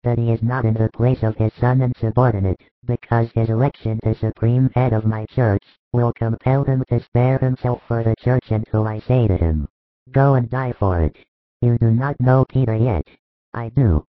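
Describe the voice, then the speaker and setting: A man voicing Jesus as a solemn, gentle teacher with measured authority in a dramatized scripture story. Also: mid-range voice, fairly even intonation, no echo, lightly acted. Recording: muffled, phone-like audio.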